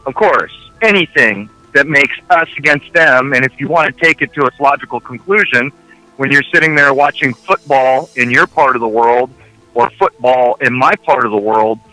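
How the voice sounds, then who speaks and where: A man from the United States, a guest on a radio interview, measured and argumentative with rhetorical questions. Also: mid-range voice, pushed and bright, dry recording, soft background music, low-quality recording.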